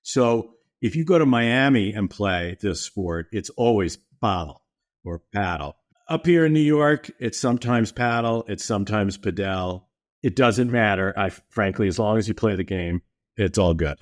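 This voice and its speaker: Middle-aged man, low voice, dry close sound, relaxed explainer. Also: normal speed, no echo. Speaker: podcast guest. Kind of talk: casual interview talk.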